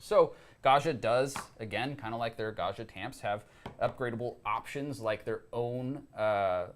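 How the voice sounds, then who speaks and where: A young man talks through espresso gear in casual chat, relaxed and easygoing. His pitch sits in a middle range for a man. He fills pauses with ums and uhs as he explains. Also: a little hiss or hum. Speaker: co-host of a coffee gear show.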